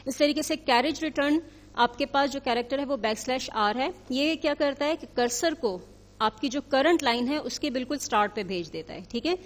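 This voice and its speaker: A woman teacher walks through a programming lesson step by step. She keeps checking in with her listeners and mixes English technical terms into her speech. Her voice sits fairly high, with a long reverb trailing behind it. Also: expressive. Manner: explains step by step, often checking with "theek hai?". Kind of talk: recorded lecture.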